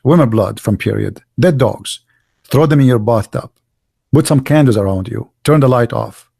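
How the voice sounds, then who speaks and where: On his live podcast, a religious debate show, this middle-aged host talks sarcastically and mockingly in broken, heavily accented English. The voice is mid-range, creaky and mellow, with a slight roughness.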